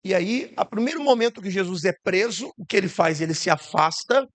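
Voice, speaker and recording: A man's voice: high-pitched, expressive, a little fast. A man with a Brazilian accent preaching a sermon to his congregation, asking rhetorical questions and acting out the voices he quotes.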